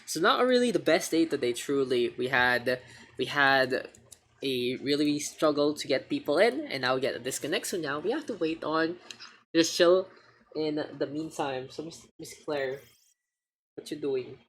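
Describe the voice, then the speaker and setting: A woman's voice: low-pitched, lively intonation, normal speed, slight background noise. A woman with a Filipino accent doing casual, joking live game commentary as a streamer. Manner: casual, joking, mixes English with Tagalog. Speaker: esports caster and streamer.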